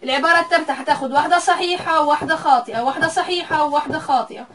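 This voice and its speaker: A woman's voice: high voice, rapid-fire, fairly bright tone, distant mic, slight background noise, rough recording. A woman teaching a math lecture. She goes step by step and says each value aloud more than once.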